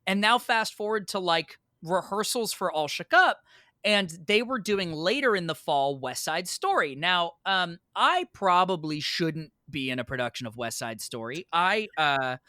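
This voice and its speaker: In a studio-quality recording with no room sound, a New York stage actor with a high voice speaks a little slowly. As a podcast guest, he animatedly recounts a personal story, voicing both sides of the exchanges he remembers.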